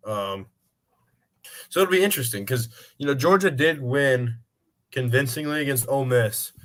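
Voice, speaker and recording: A man's voice: medium pitch, normal speed, a bit bright. A man co-hosting a casual sports chat, giving hedged, opinionated takes with lots of fillers. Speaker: co-host.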